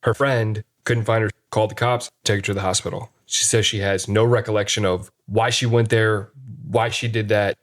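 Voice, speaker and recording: Low-voiced man telling a story casually. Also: little pitch movement, normal speed, few pauses. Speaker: paranormal investigator, podcast guest.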